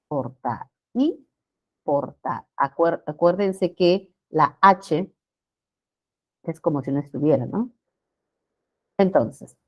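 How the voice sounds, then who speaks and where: A woman's voice: on the low side, highs cut off. A woman teaching a class, explaining spelling rules patiently, repeating points, checking understanding with short questions and stretching out example words.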